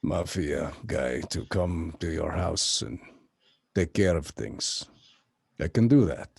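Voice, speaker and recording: A man's voice: low voice, animated, takes it slowly, gravelly, darkish tone, husky, no echo, studio quality, full character voice. A man doing a Russian mafia heavy. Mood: menacing.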